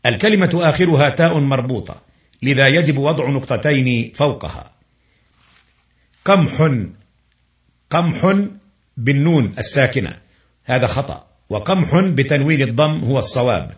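Man reading a lesson aloud, in an echoey room. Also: medium pitch. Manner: reads the text slowly and carefully, with filler pauses. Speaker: teacher. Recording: roomy, dull lo-fi recording.

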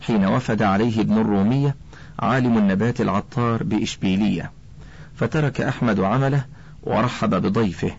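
A man narrating a storybook in a calm, measured reading. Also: fairly low pitch, vocal fry, breathy edge. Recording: dull lo-fi recording.

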